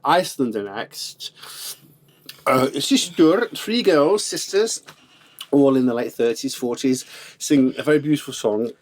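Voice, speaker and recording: A man's voice: medium pitch, expressive, unhurried, a little mellow. A man co-hosting a casual chat show, cheeky and opinionated, often laughing at his own quips. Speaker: podcast co-host.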